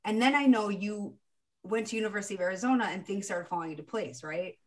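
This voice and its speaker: Casting: woman, 40s, podcast host, encouraging spiritual coach, mid pitch, conversational. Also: fast. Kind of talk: casual spiritual coaching talk.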